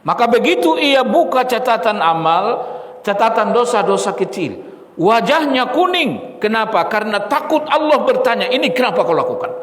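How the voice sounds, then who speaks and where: A man's voice: extremely high pitch, lively intonation, normal speed, a bit bright. A male preacher giving a study sermon in a mosque, repeating key lines and asking the listeners rhetorical questions. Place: mosque hall. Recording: echoey hall with long reverb.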